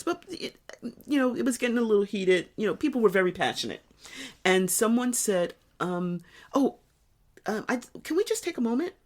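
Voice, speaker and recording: A woman in her sixties, co-hosting a podcast in casual chat, telling reflective stories in a chatty way. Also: medium pitch. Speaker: podcast co-host.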